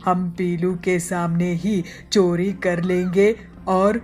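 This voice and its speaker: A woman's voice: lowish voice, little pitch movement, slow, a little mellow. Woman voicing a sly, conspiring male thief for a cartoon. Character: male animal thief, sly gang member. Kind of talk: cartoon storytelling.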